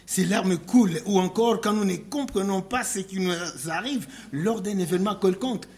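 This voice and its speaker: A man preaching a sermon, slow and emphatic, reading scripture aloud and asking rhetorical questions. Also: sits high, darkish tone.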